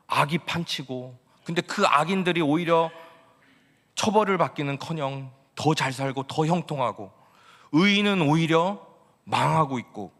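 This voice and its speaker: A preacher acts out an outraged male prophet whose voice climbs high and loud as he accuses heaven. His words come in exasperated, pleading bursts. The sound rings with a long church-hall echo. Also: exaggerated voice. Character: indignant male prophet demanding justice from God.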